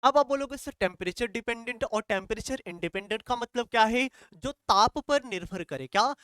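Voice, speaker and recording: A man's voice: very high voice, expressive, normal speed, pushed and bright, smooth, dry recording. A man teaching a chemistry class, repeating each point and quizzing his students questions that he answers himself. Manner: repetitive call-and-response questioning. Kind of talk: classroom lecture.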